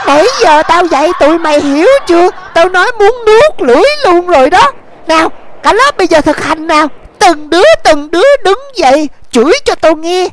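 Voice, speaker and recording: A woman's voice: very high voice, a little fast. A woman voicing a rude, bossy male demon teacher who turns villainous, in a game video voice-over. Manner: crude, mocking, bossy. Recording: music bed behind voice. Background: music.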